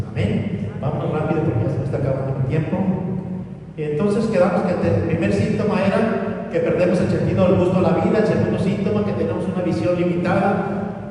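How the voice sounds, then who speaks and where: A man with a Mexican accent preaches in a large church, peppering the crowd with questions and jokes. His voice sits high but mellow, and it rings through a long, echoing hall. The mic is some way off, with a faint room hum. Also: recorded from a distance. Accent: Mexican Spanish. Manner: fires rhetorical questions at the crowd, joking. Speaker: lay preacher at a congress. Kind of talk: lively preaching to a live audience.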